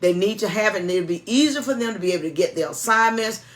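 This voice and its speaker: A woman's voice: medium pitch, lively intonation, quick pace. Middle-aged woman, church music director co-hosting; homespun, cautioning, conversational delivery. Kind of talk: informal announcements and chat.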